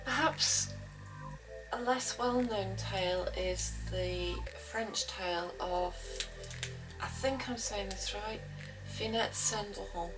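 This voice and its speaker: A woman giving a slow, reflective spoken lesson on folklore and witchcraft, pausing often with "um". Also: mid-range voice. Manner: slow and reflective, with frequent "um" pauses. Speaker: witchcraft teacher. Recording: voice from a distance with music behind.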